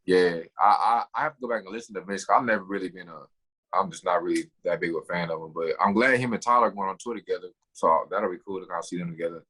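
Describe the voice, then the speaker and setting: Fast-talking husky man, casual podcast. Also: deep voice, a bit bright, low-quality recording. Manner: fast, loose slangy talk with restarts. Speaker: podcast co-host. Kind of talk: casual chat.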